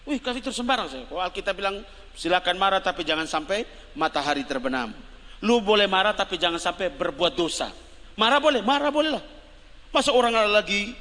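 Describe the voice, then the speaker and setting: A male evangelist with a Kupang Malay accent giving a lively, joking sermon and calling on his congregation to respond. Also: sits high. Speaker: evangelist preacher. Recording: reverberant hall, faint background noise.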